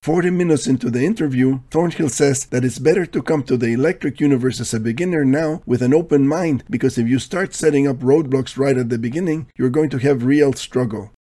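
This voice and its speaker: A man's voice: medium pitch, brisk, few pauses, mellow. Man reading skeptical scripted commentary. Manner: dry, questioning, critical.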